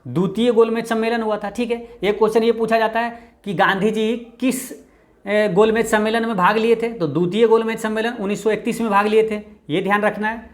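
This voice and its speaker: A man's voice: level tone, brisk. Bihari man explaining exam answers. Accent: Bihari Hindi. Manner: repeats "ye dhyan rakhna hai" with a low, quiet drop. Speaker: exam-prep teacher.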